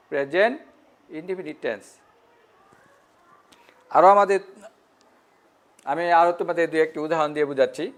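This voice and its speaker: A man with a Bangladeshi Bengali accent teaching a grammar lesson to students, slowly repeating and drawing out example words. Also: high voice. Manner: slow, drawn-out repetition of example words.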